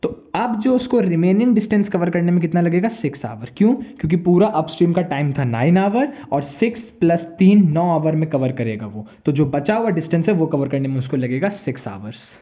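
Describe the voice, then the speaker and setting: A man's voice: fairly high pitch, animated, fairly quick, few pauses, warm tone, highs cut off. A young man with an Indian English accent teaching maths in a recorded online lecture, chatty and playful, answering his own imagined students. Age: young adult.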